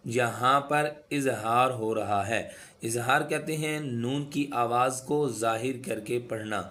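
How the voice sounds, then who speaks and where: A man teaching recitation rules, explaining each rule and then slowly chanting the words with drawn-out sounds to demonstrate. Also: mid-range voice, sharp tone. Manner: instructive, repeats sounds to demonstrate. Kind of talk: tajweed lesson.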